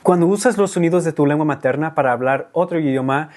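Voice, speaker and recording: A young man whose first language is English, hosting a scripted lesson and explaining clearly step by step. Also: a little high, fast, darkish tone. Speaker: language teacher and video host.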